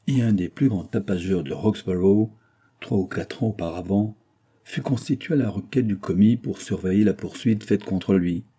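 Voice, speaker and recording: A man reading a novel aloud in a steady, measured way. His voice sits low and dark, with a husky, slightly breathy texture. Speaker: audiobook narrator. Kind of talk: audiobook reading.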